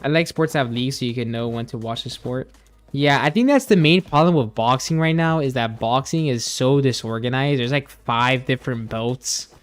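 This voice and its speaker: Brief: young male streamer, easygoing rambling chat, middle-pitched voice, faint music underneath. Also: moderate pace. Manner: rambling, laid-back, many fillers and restarts. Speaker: gaming streamer. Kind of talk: casual chat while gaming, reading chat.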